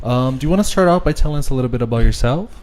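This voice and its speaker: A man's voice: mid-range voice, expressive, racing, darkish tone. A man from Brazil hosting a casual interview, laid-back and full of fillers. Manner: laid-back, lots of yeahs and likes. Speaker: podcast host.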